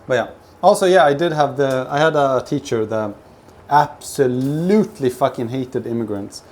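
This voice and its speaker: This is a man in Sweden who grew up speaking several languages, none of them Swedish, chatting on a livestream while cooking in his kitchen. His voice sits in the mid-range with a darkish tone, and his personal anecdotes wander, stall, and are peppered with swearing. Kitchen ambience and sizzling food are clearly audible.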